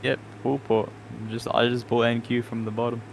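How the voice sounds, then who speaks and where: An Australian man trading on a voice chat, needling his friends with mocking banter. His voice sits at an ordinary pitch. A faint hiss runs under his speech. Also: little pitch movement, normal speed, gravelly, poor audio. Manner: teasing, mocking, laughs at own jokes. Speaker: trader on a voice chat. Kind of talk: casual trash-talking banter.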